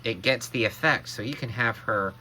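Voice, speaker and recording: A man hosting a casual action figure review, excitable and exclaiming over every detail he shows. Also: mid-range voice, normal speed, slight background noise. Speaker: toy reviewer, channel co-host.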